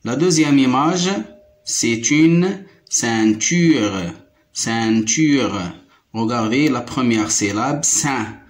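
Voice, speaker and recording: A man with a Moroccan French accent teaching a primary school phonics lesson, repeating each word several times. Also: mid-range voice.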